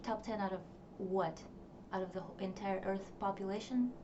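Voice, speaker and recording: A casual to-camera diary vlog from a young woman whose native tongue is Russian: a mid-range voice at ordinary speed, rambling and reflective, with frequent fillers. It's recorded at home, sounding far off, dull and noisy.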